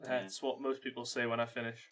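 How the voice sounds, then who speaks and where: A man's voice: mid-range voice, level tone, quick pace, fairly bright tone. A man co-hosting a podcast in casual comedic chat, tipsy on gin, swearing and making self-deprecating jokes. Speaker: podcast co-host.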